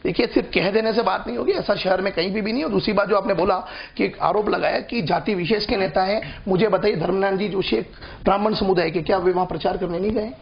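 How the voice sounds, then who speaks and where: A man argues as a party spokesman in a heated televised debate. His voice sits high and has a gravelly edge, and he keeps talking over his opponents. The audio sounds dull and lo-fi. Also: fast. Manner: combative, talks over opponents, repeats points.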